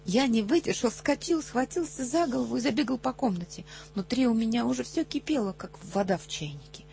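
A woman reading a children's story aloud with animated expression, acting out the dialogue. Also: fairly high pitch, brisk, creaky, slight background noise.

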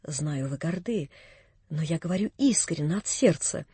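A man reading an audiobook, voicing a scheming middle-aged nobleman who speaks in smooth, ingratiating phrases. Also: a little high, lively intonation, moderate pace, warm tone, dry recording. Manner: smooth, ingratiating, then sneering.

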